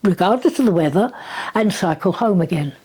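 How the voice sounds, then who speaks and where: A woman's voice: fairly low pitch, expressive, fairly quick, dark tone, slightly rough, poor audio. A very old woman in her nineties with a southern English accent, reminiscing chattily and wryly in casual conversation. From southern England. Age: 90s, very old woman. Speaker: interviewee.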